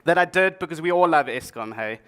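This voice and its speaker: A man's voice: fairly high pitch, lively intonation, fairly quick, fairly bright tone. A man giving a humorous tech talk at a conference, joking as he presents. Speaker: conference speaker.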